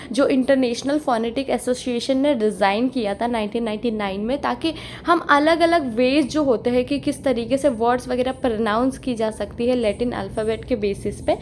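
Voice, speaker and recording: A young woman tutor explaining a lesson in Hindi, mixing in English terms and often checking in with a quick "okay". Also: on the high side, a little hiss or hum. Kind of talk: explanatory exam-prep lesson.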